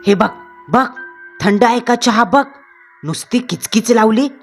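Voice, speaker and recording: A woman's voice: a little high, lively intonation, unhurried, faint music behind. A woman voicing a raging possessed husband. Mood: furious. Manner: harsh shouting, scolding.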